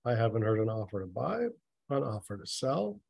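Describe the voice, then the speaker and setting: A man's voice: lowish voice, very animated, a little fast, vocal fry, a little mellow, husky, dry recording. A man reading a story aloud and mocking it with sarcastic, nitpicking asides. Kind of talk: sarcastic dramatic reading with commentary.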